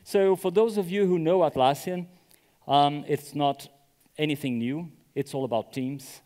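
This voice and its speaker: A man's voice: on the high side, unhurried, warm tone. A man from Brazil giving a conference talk, chatty, often asking the audience "right?". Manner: conversational, often checks with "right?". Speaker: conference speaker. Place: conference venue. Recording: echoey hall reverb.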